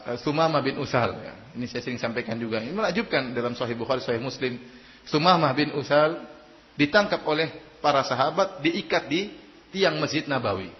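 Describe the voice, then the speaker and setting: A man giving a sermon, telling stories, asking the audience rhetorical questions and acting out the voices of the people in them. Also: mid-range voice. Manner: acts out dialogue voices. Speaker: Islamic preacher. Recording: lo-fi recording with hall reverb.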